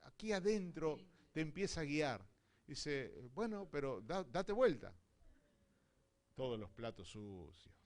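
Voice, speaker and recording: A man from Argentina with an Argentine accent preaching a sermon, telling stories and acting out dialogue, swinging from hushed to loud. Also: a little high, big pitch swings, unhurried. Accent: Argentine Spanish. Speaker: visiting apostle preaching.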